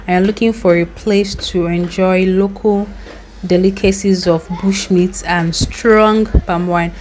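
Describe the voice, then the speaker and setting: A woman's voice: on the low side, darkish tone, slight background noise. A young Nigerian woman narrating her road trip in a chatty, recommending voice-over with loose asides. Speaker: vlogger. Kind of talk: travel vlog voice-over.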